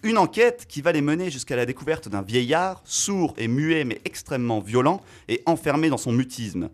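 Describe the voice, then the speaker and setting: A man at a radio studio mic, delivering a relaxed film column in a chatty, self-mocking way. He stumbles through fillers and restarts as he talks. His voice sits at an ordinary middle pitch. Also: moderate pace, faint music behind. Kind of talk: casual radio film chronicle.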